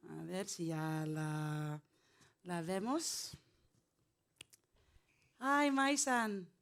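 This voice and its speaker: A woman hosting a poetry event, friendly and unhurried, with hesitant fillers as she speaks. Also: on the low side, a bit bright. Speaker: event host.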